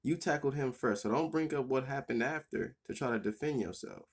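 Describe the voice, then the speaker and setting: A man's voice: mid-range voice, fairly quick. A man giving casual reaction commentary on an interview clip, blunt and mocking, with some profanity.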